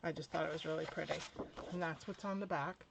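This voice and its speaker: A middle-aged woman hosting a live craft product demo, chatty and a little out of breath, laughing between pauses. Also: deep voice, steady tone, gravelly, noisy background. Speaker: craft demonstrator. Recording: dull lo-fi live stream audio.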